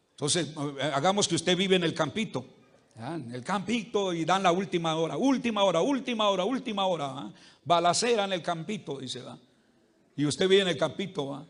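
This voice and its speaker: A man's voice: high-pitched, a bit bright. A male pastor preaching a conversational sermon to a congregation, folksy and humorous, constantly asking "¿verdad?" and calling listeners "hermano". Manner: humorous everyday anecdotes. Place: church service before a congregation.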